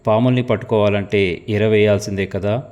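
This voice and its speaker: A man reading as a cold, calculating woman agent in an audio story, calm and quiet, her lines low and even. She sounds controlled and unbothered. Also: brisk, natural voice. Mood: cool, steely. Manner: calm and quiet, flaring to shouts.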